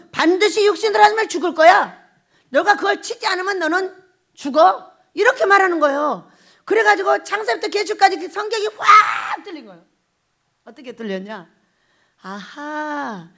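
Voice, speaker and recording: A woman pastor preaching a Sunday sermon at a prayer retreat, laughing often and asking the congregation questions as she goes. She jumps from loud exclamations down to low, quiet murmurs. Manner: animated preaching with frequent laughter and rhetorical questions.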